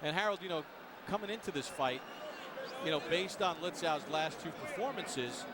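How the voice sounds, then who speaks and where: A man's voice: on the high side, lively intonation, moderate pace, a loud crowd. A man giving live boxing commentary in an emphatic, polished broadcast delivery. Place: ringside at a boxing arena. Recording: noisy arena ambience.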